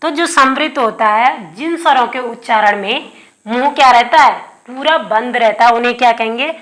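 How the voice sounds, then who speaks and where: In an exam-prep lesson on Hindi grammar, a woman with a slightly high, fairly bright voice speaks at a moderate pace. She dictates notes, poses questions to her class and answers them herself, repeating key terms through rhetorical questions.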